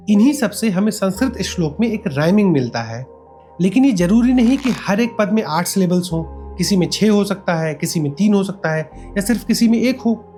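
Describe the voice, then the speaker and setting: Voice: medium pitch, a little mellow. A history channel narrator reading a scripted educational explainer step by step, asking the listener rhetorical questions and switching often between Hindi and English phrases. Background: faint background music.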